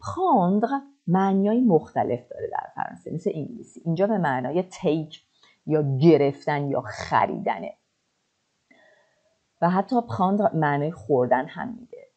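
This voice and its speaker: Woman, online French teacher; warm low voice, muffled lo-fi recording. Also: lively intonation. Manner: slow deliberate French drills, quick asides. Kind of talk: online language lesson.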